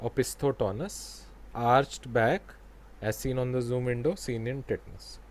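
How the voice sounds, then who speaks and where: An unhurried male teacher with an Indian English accent leads an online exam class. He switches between Hindi and English and stops often to quiz his students. He speaks over a video call. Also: mid-range voice, fairly even intonation, slight background noise. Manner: slow, mixes Hindi and English, quizzes students.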